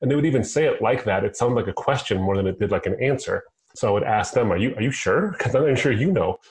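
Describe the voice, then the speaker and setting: American guy, deepish voice, guest on a talk show, earnest chatty storytelling. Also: animated, fast. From United States. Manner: earnest storytelling, quotes himself in asides. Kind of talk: conversational interview. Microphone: phone line.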